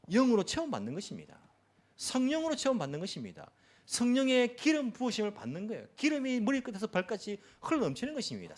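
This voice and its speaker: A male pastor preaching a sermon, emphatic, with many rhetorical questions and repeated phrases. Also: high-pitched.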